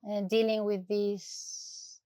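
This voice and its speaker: As an interview guest, the Ecuadorian woman recounts her own story in soft, halting English, pausing to find words, with an Ecuadorian Spanish accent. Her mid-range voice is delivered flatly and slowly, and there is no room sound.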